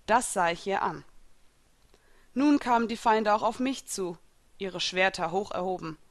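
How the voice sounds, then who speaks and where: Frau liest ein Fan-Hörbuch in der Ich-Form. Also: female voice, medium pitch, measured pace. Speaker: audiobook reader. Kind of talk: first-person fan-fiction audiobook narration.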